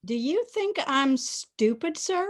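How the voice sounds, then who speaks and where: A woman's voice: high voice, animated, takes it slowly. An actress playing a stern TV judge in her sixties, scolding with scorn, in a script reading. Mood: scornful.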